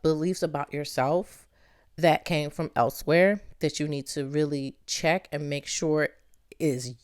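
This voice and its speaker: A middle-aged woman from Barbados hosting a motivational podcast, talking in a lively, playful way and calling the listener "baby". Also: fairly low pitch. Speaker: podcast host.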